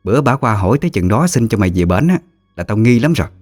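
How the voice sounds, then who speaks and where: A man's voice: fairly low pitch, sing-song, quick pace, darkish tone, dry recording, soft background music. Guy putting on a stingy old mother-in-law, curt and snippy. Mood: scornful. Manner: curt, clipped and mocking.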